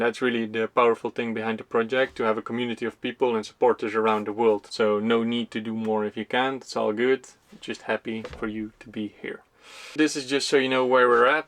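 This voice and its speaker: A man hosting a community project vlog, explaining costs and plans in a relaxed, plain-spoken way. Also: mid-range voice. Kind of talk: casual explanatory vlog narration.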